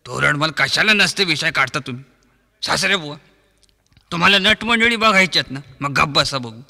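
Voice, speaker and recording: A Marathi-accented man performs a fast comic sketch and keeps jumping from one impersonated voice to the next. His voice sits fairly high and carries a long reverb from a live stage. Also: lively intonation, gravelly, bright, forceful tone. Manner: switches quickly between impressions of film actors. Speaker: mimicry artist. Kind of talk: mimicry comedy sketch with many voices.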